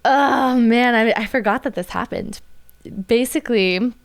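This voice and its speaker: Young woman guest, smooth voice, casual rambling storyteller. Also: on the high side, a little slow. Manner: chatty storyteller with many fillers and likes. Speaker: podcast guest, waitress. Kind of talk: casual podcast chat, storytelling.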